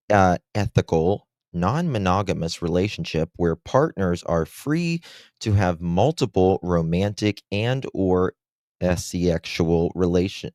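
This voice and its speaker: A man hosts a true-crime livestream in casual chat, speaking slowly and haltingly with many fillers in a deep, slightly mellow voice. The sound is clean and studio-like, with no echo.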